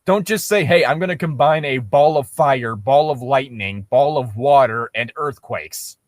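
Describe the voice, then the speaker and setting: A man co-hosts by casually reading amateur fiction aloud and tearing into it with sarcastic, nitpicking commentary and plenty of swearing. His voice is medium-pitched and unhurried, recorded cleanly in a studio with no room sound.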